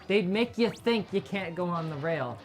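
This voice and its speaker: A woman's voice: lowish voice, lively intonation, moderate pace. A woman hosting a casual let's play, chatting as she goes. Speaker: gaming host. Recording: game music behind voice. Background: video game music.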